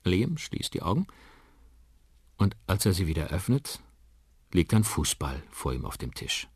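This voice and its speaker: Low husky guy reading a kids story, super animated, dry close sound. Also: a little slow, no room sound. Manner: expressive, vivid storytelling. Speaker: narrator. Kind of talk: children's audiobook reading.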